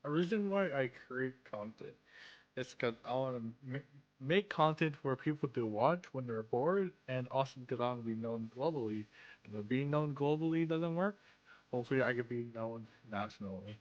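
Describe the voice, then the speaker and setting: A man with a slushy lisp and slightly slurred words, talking casually and haltingly as he introduces himself in a vlog, often repeating phrases. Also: mid-range voice, expressive, highs cut off. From Canada. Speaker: content creator and streamer.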